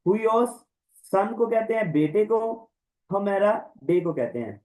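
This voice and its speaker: Guy teaching a greek class online, slightly high voice, says words slow and over and over. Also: animated, warm tone, rough recording. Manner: slow, drawn-out word-by-word pronunciation drills. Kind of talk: online lecture.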